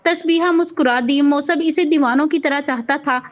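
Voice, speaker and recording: Female narrator for a romance audiobook, high voice, muffled sound. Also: moderate pace. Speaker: novel reader. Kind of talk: reading a romance novel aloud.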